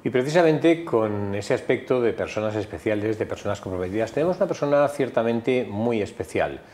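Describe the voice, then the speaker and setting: A man's voice: lowish voice, animated, fairly quick, a little mellow, a little hiss or hum. A man hosting a TV talk show, speaking courteously with frequent "eh" fillers. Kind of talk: formal TV chat introduction.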